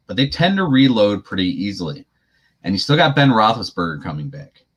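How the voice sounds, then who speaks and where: Man on a sports podcast, lowish voice, opinionated, casual chat. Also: brisk. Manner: chatty, opinionated, animated asides. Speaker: podcast co-host.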